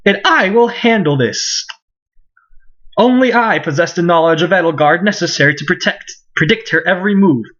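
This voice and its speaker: A man's voice: sits high, moderate pace, fairly bright tone, pitched above the performer's own voice. Guy doing a pompous noble dude, all grand and showy, muffled mic. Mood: boastful. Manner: grandiose, declaiming. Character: pompous, self-assured young nobleman. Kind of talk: fan voice-over of game dialogue.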